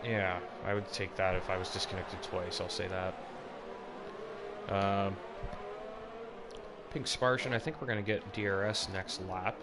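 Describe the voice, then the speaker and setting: Low-voiced man calling a motor race. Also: fairly even intonation, a little slow, long pauses, background noise. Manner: motorsport commentator calling the action, casual phrasing. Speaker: motorsport commentator. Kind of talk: live sim racing commentary.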